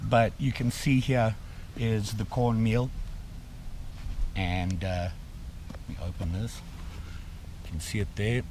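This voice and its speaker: A middle-aged man from Zimbabwe talks at an unhurried pace while cooking outdoors, relaxed and chatty with plenty of fillers. His voice is mellow and warm. A faint outdoor hum sits behind him. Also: on the low side. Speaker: outdoor vlogger. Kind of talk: casual outdoor cooking vlog. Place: outdoors in snowy woods.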